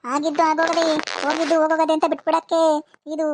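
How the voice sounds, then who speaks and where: A woman's voice: high voice, little pitch movement, quick pace, background noise, natural voice. A woman voicing a grieving elderly village widow in a cartoon, lamenting in rural Malnad Kannada with repeated cries. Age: older. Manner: wailing lament, repeating phrases. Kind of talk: animated cartoon voice acting.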